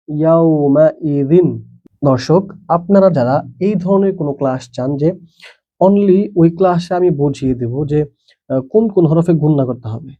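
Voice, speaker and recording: Spelling out each letter and vowel mark and then blending the syllables, a man teaches Quran reading, with plain explanatory remarks between drills. His voice is on the high side, and the recording sounds dull.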